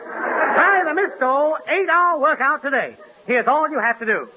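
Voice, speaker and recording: An actor playing a brash, hammy male announcer in a 1940s radio comedy sketch, pitching a product in a booming sales voice, heard through a dull old radio broadcast recording. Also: lively intonation, a little slow, background noise.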